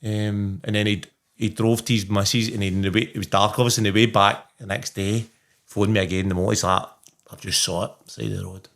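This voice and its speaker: A middle-aged man with a Glasgow accent telling casual anecdotes in an animated, sweary way, acting out conversations. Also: fairly low pitch, fast.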